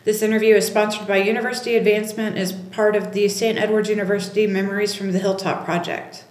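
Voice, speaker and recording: A woman's voice: mid-range voice, little pitch movement, fast, darkish tone. Woman interviewer in a roomy space. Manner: formal scripted introduction. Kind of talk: oral history interview. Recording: roomy echo.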